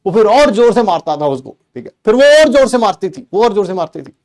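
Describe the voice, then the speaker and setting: High-voiced teacher telling a funny story. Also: male voice, brisk. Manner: animated and playful, teasing the class with rhetorical questions. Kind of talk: comic storytelling in a live class.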